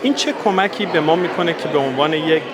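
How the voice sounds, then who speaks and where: A man with an Iranian Persian accent interviewing guests on location in a formal, courteous way. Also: on the high side. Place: public festival. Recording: crowd chatter at public event.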